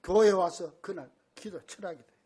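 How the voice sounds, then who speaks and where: A male pastor preaching a sermon in a church, telling stories with animation and bursts of shouting. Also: high voice, fairly even intonation, moderate pace, breathy edge. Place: church sanctuary.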